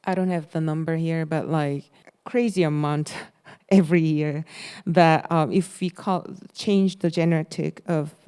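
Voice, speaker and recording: Hesitant woman presenting, low mellow voice. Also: steady tone, a little slow, smooth. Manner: hesitant, many fillers and restarts. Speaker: course presenter. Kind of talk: casual presentation.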